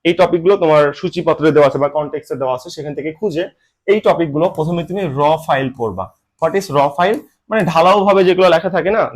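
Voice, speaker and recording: With a voice on the high side, a young man speaking in a colloquial Bangladeshi Bengali accent delivers an online admission-coaching lecture. He keeps it brisk and teasing, throwing out rhetorical questions.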